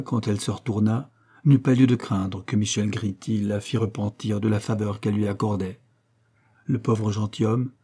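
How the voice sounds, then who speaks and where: A man narrates a classic novel in a measured, even storytelling voice. His tone is mellow and dark. There is a husky, breathy edge to his voice. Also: fairly low pitch. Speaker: audiobook narrator. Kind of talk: scripted literary narration.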